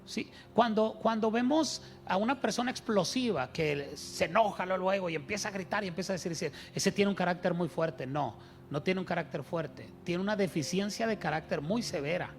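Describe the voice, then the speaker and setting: A man's voice: high voice, expressive, fairly quick, faint music behind. A man preaching a sermon as pastor, telling stories and asking his congregation rhetorical questions.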